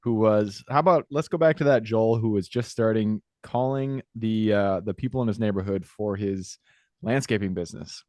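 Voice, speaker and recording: Low-voiced upbeat man hosting, dry sound. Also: darkish tone, dry recording. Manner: upbeat, agreeable, quick interjections. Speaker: podcast host. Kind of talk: casual interview.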